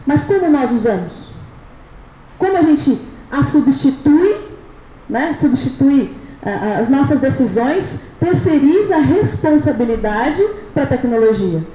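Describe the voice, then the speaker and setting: A woman's voice: sits high, lively intonation, unhurried, mellow. A woman with a Brazilian Portuguese accent gives a live lecture at a leadership event. She keeps checking in with the audience through rhetorical questions. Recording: echoey hall with faint noise.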